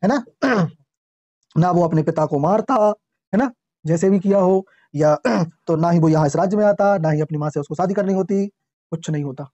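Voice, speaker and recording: A male teacher giving a classroom lecture, reading English lines slowly, explaining them in Hindi, quizzing the class and clearing his throat often. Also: high voice, dark tone, no room sound. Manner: quizzes the class with repeated questions. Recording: dull lo-fi classroom recording.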